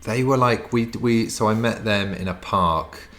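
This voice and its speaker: A man's voice: on the low side, a little slow, fairly bright tone. A man from Essex with an Essex accent, interviewing in a casual, chatty style. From Essex, England. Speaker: interviewer, podcast host. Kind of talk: casual chat.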